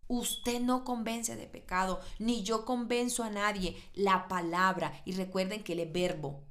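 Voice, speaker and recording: A woman's voice: medium pitch, fairly even intonation, unhurried, fairly bright tone. A woman preaching a sermon, building emphasis through repeated phrases and asking and answering her own questions.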